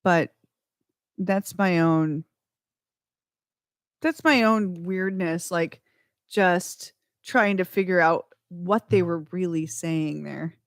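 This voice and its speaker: A woman with a lowish voice hosts a radio music show, talking between tracks. Her delivery is slow and rambling, and she corrects herself as she goes. The recording is dry, with a clean studio sound.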